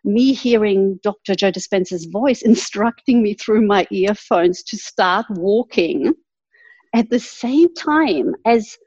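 Husky-voiced woman recounting a mystical experience. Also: mid-range voice, lively intonation, takes it slowly, darkish tone, no room sound. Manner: earnest, laughs lightly while recounting. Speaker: guest. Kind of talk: reflective storytelling in an interview. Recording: husky voice, dull lo-fi sound.

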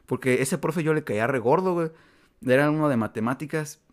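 A man's voice: a little high, brisk. A young man with a Mexican Spanish accent, co-hosting a podcast and telling a story in slangy, casual chat, laughing often and swearing freely. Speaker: podcast co-host.

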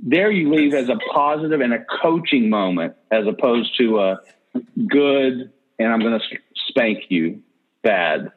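A man in a casual group discussion, giving coaching examples in a relaxed way. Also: mid-range voice, unhurried, narrow, tinny audio.

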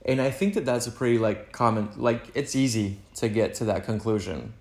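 A young native Spanish speaker co-hosts a podcast in an echoey room, chatting casually in an animated, brisk, mid-range voice. He rambles and keeps reaching for "like" and "you know."

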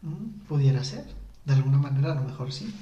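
A man's voice: medium pitch, animated, fairly quick, warm tone, distant mic, lo-fi sound. A man with a Mexican accent chatting casually on a podcast, candid and slangy, often laughing. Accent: Mexican Spanish. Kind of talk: casual chat. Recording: echoey room, a bit off-mic.

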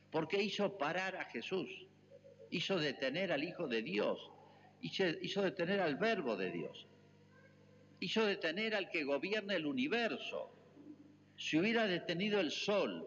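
An Argentine priest delivers a homily with a lively, rising and falling voice, turning often to his listeners. His words ring out with a long church reverb, and the recording sounds muffled and lo-fi. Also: on the high side, a little hiss or hum. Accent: Argentine Spanish. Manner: earnest preaching, addresses the congregation directly.

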